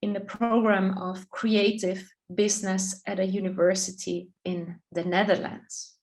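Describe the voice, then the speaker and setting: A middle-aged woman from Austria with an Austrian accent, a business coach answering interview questions thoughtfully, with many pauses and restarts. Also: medium pitch, level tone, darkish tone, poor audio. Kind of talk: casual interview, video call.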